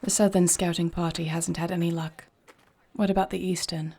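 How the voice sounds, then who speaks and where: Husky and breathy, this woman portrays a noble warrior queen of deep devotion in a close, intimate fantasy audio roleplay, choosing formal words and speaking in a measured, earnest way. Her pitch sits fairly low, barely moving, and her tone is warm. She comes across as concerned and thoughtful.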